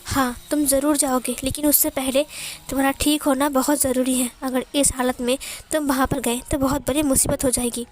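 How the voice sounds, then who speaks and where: A woman's voice: sits high, level tone, normal speed, close to an everyday voice. A woman voicing a stern old male teacher who gives firm orders in a storybook reading. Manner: firm, commanding.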